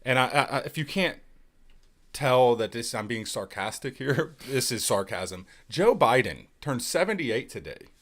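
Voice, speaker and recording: A man in his thirties hosts a casual podcast, his pitch jumping around freely as he jokes. He has a sarcastic edge and curses without a second thought. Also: big pitch swings, unhurried, fairly bright tone. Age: 30s. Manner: sarcastic, joking, swears freely. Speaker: podcast host. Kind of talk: casual live podcast chat.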